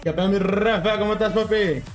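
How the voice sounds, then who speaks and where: High-voiced hyped Mexican streamer guy. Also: fairly even intonation, brisk, soft background music. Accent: Mexican Spanish. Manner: hyped, slangy, keeps urging chat. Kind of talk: casual livestream chat with viewers.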